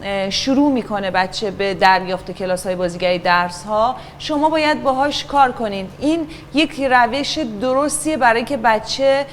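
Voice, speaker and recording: A woman's voice: on the high side, few pauses, a little hiss or hum. Patient woman coaching young actors. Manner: patient, encouraging, calls the class to order. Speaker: children's acting teacher. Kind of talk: classroom instruction and coaching. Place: acting class with children.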